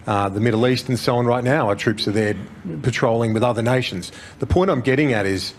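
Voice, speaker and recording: A man working as a television reporter, asking a press-conference question in a mid-range voice. He builds his point slowly through restarts and qualifications. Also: mid-range voice, a little hiss or hum. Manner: long, winding question with restarts.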